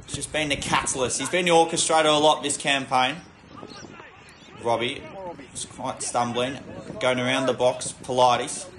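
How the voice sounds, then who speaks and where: A man giving football match commentary in measured phrases that lift with the play. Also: medium pitch, little pitch movement, a crowd in the background. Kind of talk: sports commentary. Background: music.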